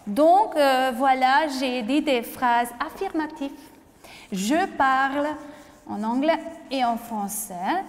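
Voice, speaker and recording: Woman, language teacher, slow pace, fairly high voice, careful spelling of endings, frequent hesitations, echoing room. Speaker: French teacher. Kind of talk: slow, patient language lesson. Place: room with a board.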